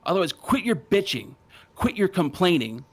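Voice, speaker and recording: A man's voice: sits high, very animated, moderate pace, fairly bright tone, slightly rough. A man cutting a confrontational wrestling promo, taunting and swearing. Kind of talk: in-ring promo argument.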